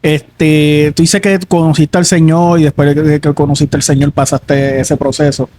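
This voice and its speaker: Guy hosting a podcast, a bit high for a man, faint noise behind. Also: little pitch movement, moderate pace, dark tone. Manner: responsive, with short affirmations. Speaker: podcast host. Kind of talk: interview questions.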